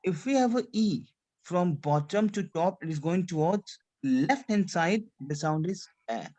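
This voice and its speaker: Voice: medium pitch, animated, a little slow, dark tone. Teacher mixing English and French. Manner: repeats phrases, checks understanding with "C'est clair? D'accord?"; mixes English with French phrases and a little Hindi. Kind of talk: online language class.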